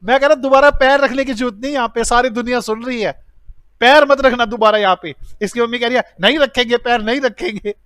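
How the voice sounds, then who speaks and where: A high-voiced male teacher who teaches through animated stories and acts out every character with raised, dramatic lines. The sound is close and dry, without room echo. He has the steady rhythm of a coaching-class lecture. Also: fast, smooth. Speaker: accountancy teacher. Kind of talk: lively classroom storytelling lecture.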